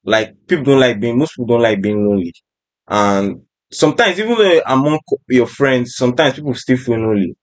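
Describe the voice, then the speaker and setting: A man's voice: mid-range voice, expressive, fairly quick. A young adult man with a Nigerian accent hosting a casual podcast chat in an informal, slangy way. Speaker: podcast host.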